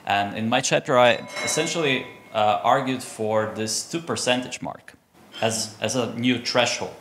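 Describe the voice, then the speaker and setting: A man's voice: mid-range voice, a little slow, a bit bright, slight background noise. Male panelist from Croatia, earnest policy talk with frequent self-corrections. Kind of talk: panel discussion.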